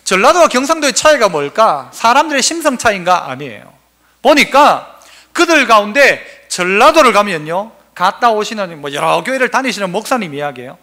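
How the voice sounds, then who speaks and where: A man's voice: sits high, very animated, normal speed, bright, forceful tone. A male pastor preaching a sermon, asking the congregation questions and answering them himself.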